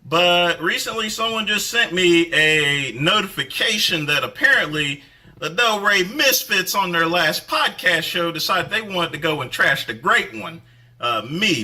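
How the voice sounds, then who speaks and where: A man's voice: fairly high pitch, pushed and bright, low-quality recording. A man from North Carolina delivering a combative, scolding rant straight to the camera, tacking the word "there" onto many sentences. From North Carolina, USA. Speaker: online commentator. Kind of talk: angry direct-to-camera rant.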